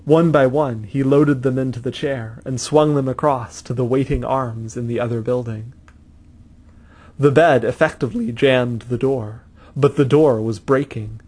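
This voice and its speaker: A man's voice: mid-range voice, steady tone, unhurried, darkish tone. Man narrating a story steadily.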